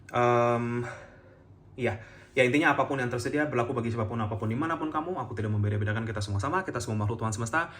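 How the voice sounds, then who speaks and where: A man giving a casual, chatty tarot reading to camera, gentle and full of fillers and soft laughs. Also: mid-range voice, racing. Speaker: tarot reader.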